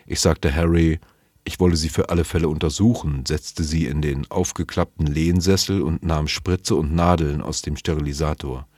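Very deep, husky male reader. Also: fairly even intonation, darkish tone, no echo, studio quality. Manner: measured, sober storytelling. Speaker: narrator. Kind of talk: literary reading of a novel.

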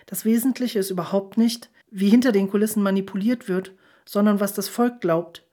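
A woman's voice: mid-range voice, mellow, lightly acted. A woman voicing a cool, commanding matriarch. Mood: firm. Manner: firm and measured.

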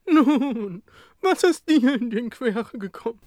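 A cheerful old work horse, as the storyteller puts her on coaxes her companions in a raised voice that is slow and drawn out. The pitch swings lively up and down, and the sound is dry and close. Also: no echo. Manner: slow, drawn-out, upbeat coaxing. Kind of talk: storybook reading.

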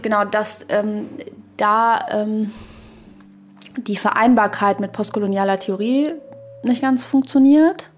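In a relaxed, reflective podcast discussion, a co-host works through her ideas haltingly out loud, drawing on academic terminology. Her mid-pitched voice keeps a steady tone within a fairly narrow range, with slight background noise.

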